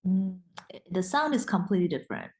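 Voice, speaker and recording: Speaking English as a guest in a laid-back interview, this young Mandarin-native woman hesitates often, restarting sentences and using many fillers. She talks fast and animatedly in a voice on the low side.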